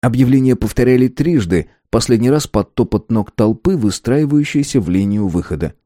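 A man narrating an audiobook in an expressive, lively reading. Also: fairly low pitch, moderate pace, dry recording, studio quality. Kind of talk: scripted narration.

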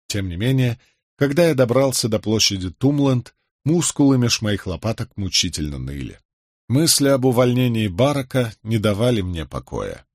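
Man, audiobook narrator, first-person narration, measured, even, low, dry close sound. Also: no room sound.

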